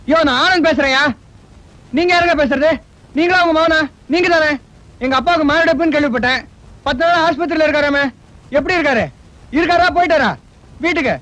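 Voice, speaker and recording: A man's voice: very high voice, fast talker, long pauses, fairly bright tone. An anxious, flustered young man. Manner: fretful, flustered. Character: anxious lovesick young man, easily fooled. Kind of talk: 1980s film dialogue. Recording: dull old film soundtrack with music.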